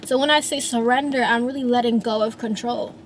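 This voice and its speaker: Her voice a little high and steady, a woman in her thirties who writes and sings songs moves briskly through a reflective, rambling monologue about her feelings. She restarts often and uses many fillers, and there's slight background noise.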